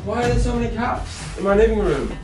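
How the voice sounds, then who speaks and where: A man's voice: high voice, animated, brisk. A man in his twenties complaining in exasperation, picked up by a camera a few steps away. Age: 20s. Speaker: prank victim. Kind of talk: casual, exasperated argument. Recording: distant handheld camera, music over it.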